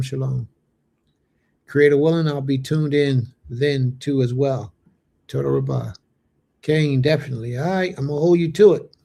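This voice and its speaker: With a gravelly, mellow, mid-range voice, this late-thirties man hosts a faith livestream. He chats casually, reading each viewer comment aloud and responding, and scatters Hebrew blessings throughout.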